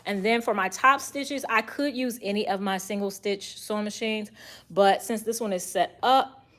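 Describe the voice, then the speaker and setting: This relaxed, chatty sewing tutorial is hosted by a woman speaking at medium pitch and a moderate pace, thinking aloud as she works in her sewing office. She moves around, so her distance from the added mic shifts; the camera is across the room, and the sound has roomy echo and a faint hiss.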